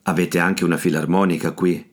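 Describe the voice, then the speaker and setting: A man's voice: low voice, level tone, brisk. A courteous young man asks his questions with curiosity, as a male reader voices him. His manner stays polite and inquisitive. It is an audiobook reading. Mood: curious.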